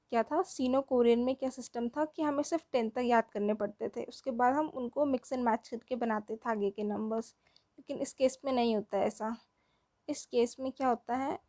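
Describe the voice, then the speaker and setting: A woman's voice: high-pitched, mellow, no room sound, clean studio sound. A woman teaching a language lesson, drilling words one at a time in a patient, step-by-step way.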